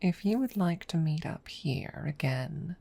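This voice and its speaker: A woman voices a proud, guarded, haughty female dragon for an ASMR roleplay; the dragon is secretly fond of her rival. Her gravelly, low register is mellow and exaggerated with lively intonation, and her close, breathy murmur often drops to a whisper. She sounds coy and tentative, with formal, deliberate, hesitant phrasing and long pauses, recorded on a close microphone.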